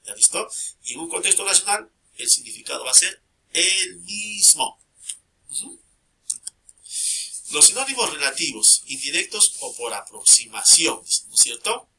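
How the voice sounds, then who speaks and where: A man's voice: on the high side, very animated, measured pace, pushed and bright. A man teaching a grammar lesson, repeating key terms and checking in constantly with short questions to his students.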